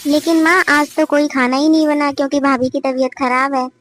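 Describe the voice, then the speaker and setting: A woman's voice: sits high, little pitch movement, a little fast, a bit bright, slight background noise. A woman voicing an outspoken young cartoon sister-in-law. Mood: firm. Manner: firm, lecturing. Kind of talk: cartoon family drama voice acting.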